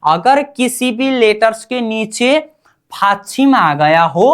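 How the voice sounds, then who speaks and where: Woman language teacher, unhurried delivery, quizzes and answers herself, drills each word again and again. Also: a little high, lively intonation. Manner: asks questions and answers them herself, repeats each term. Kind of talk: slow call-and-response lesson.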